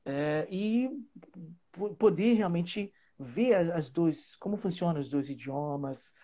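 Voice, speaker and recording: A man from Trinidad and Tobago, his English, chatting as a guest teacher and pausing often to find his words. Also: fairly high pitch, expressive, dark tone. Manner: hesitant, searching for words, with many fillers. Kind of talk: casual live chat.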